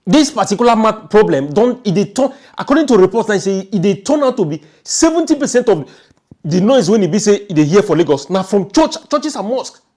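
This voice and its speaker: His high, slightly mellow voice carries a Nigerian accent as he offers casual, emphatic news commentary online in storytelling form. Repetition of his own phrases is frequent.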